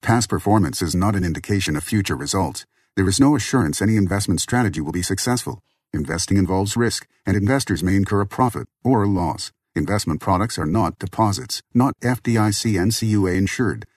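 Low raspy guy reading out a legal disclaimer, formal and nonstop, really dry sound. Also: dry recording. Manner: formal, unbroken reading of legal fine print. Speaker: disclaimer announcer. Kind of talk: scripted legal disclaimer read.

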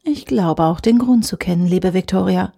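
A woman voicing a smooth, persuasive male virtual advertising avatar, speaking softly and coaxingly. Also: on the low side, normal speed. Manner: soft, coaxing, hushed.

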